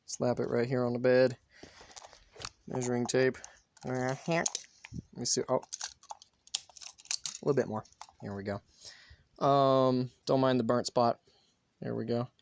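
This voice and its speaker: A man's voice: medium pitch, flat delivery, slow pace, long pauses, darkish tone, a little hiss or hum. A man vlogging casually at home, rambling in an offhand way and swearing freely. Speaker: gun vlogger. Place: indoors at home, near a bed.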